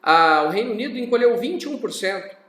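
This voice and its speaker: A man's voice: high voice, expressive, fast talker, sharp tone, reverberant. A man teaching a recorded class lecture in a conversational way, often checking in with tag questions.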